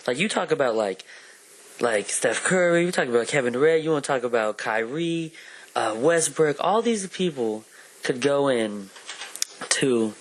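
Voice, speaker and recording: A man's voice: mid-range voice, lively intonation, normal speed. A man co-hosting a casual chat about movies and sports, rambling with lots of fillers. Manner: rambling, filler-heavy, hedging. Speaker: podcast co-host.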